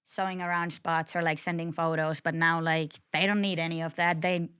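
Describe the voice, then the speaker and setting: A woman's voice: sits low, moderate pace, clear, resonant tone. A young woman from Finland, a guest on a podcast, chatting casually with lots of fillers. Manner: relaxed, uses filler "like" often. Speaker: guest snowboarder.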